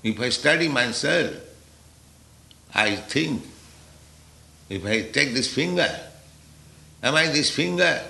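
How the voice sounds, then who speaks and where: A man giving a philosophical spiritual lecture, deliberate and pausing, checking in with the listeners with a rhetorical "huh?". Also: medium pitch, expressive, gravelly, pushed and bright, echoey room. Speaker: spiritual teacher.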